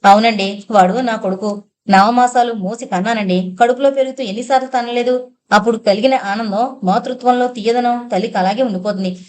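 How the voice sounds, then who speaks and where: A woman's voice: fairly high pitch, fairly even intonation, brisk, a little mellow, close to an everyday voice. A woman voicing a doting, pleading young mother. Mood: indignant. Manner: coaxing and pleading, then sharply defensive. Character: doting young mother, indulgent and fiercely protective.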